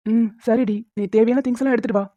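A woman's voice: a little high, steady tone, fast talker, dry recording, lightly acted. A woman voicing a whiny bickering husband. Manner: loud protesting outbursts. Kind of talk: Tamil cartoon dubbing. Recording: tinny phone-like, dry.

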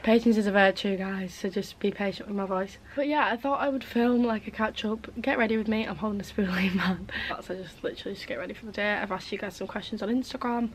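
The recording is low quality with a little hiss or hum as a beauty vlogger in her twenties, a bit hoarse and losing her voice, chats through a get-ready-with-me video in her bedroom. Her medium-pitched voice moves quickly with hardly any pauses, full of "like" and "um."

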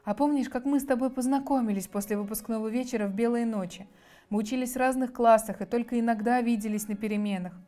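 Woman reading a gentle young soldier, soft-spoken, faint music behind. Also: fairly high pitch, steady tone, fast talker, lightly acted. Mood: wistful. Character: young male soldier, tender and earnest.

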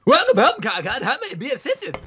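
A man doing a squeaky, glitchy house robot. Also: wildly swooping pitch, quick pace, a bit bright, slightly rough, highs cut off, heavily acted. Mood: manic. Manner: stiff, glitchy robot phrasing. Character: overexcited male home robot assistant.

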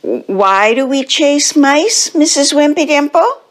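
A high, small kitten boy from a storybook, as a woman puts him on, earnest and full of questions. His wondering little-kid voice swoops up at the ends of his questions. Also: lively intonation, takes it slowly. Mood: curious.

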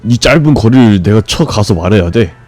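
A man streaming a game, grumbling and swearing at it, then breaking into sudden high shouts. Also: expressive, a little fast, faint music behind. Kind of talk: frustrated live gameplay commentary.

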